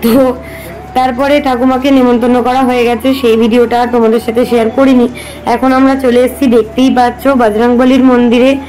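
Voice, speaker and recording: A woman's voice: fairly high pitch, flat delivery, normal speed, mellow, soft background music, low-quality recording. A young woman and mother chatting casually to her viewers in a family vlog. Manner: chatty, addresses viewers directly. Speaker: vlogger and mother of twin boys.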